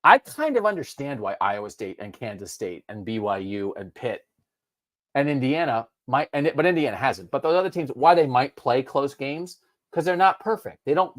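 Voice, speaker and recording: Animated man talking college football. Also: moderate pace, dry recording, studio quality. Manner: animated, pitch jumping up on emphasis. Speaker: co-host. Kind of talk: casual sports talk.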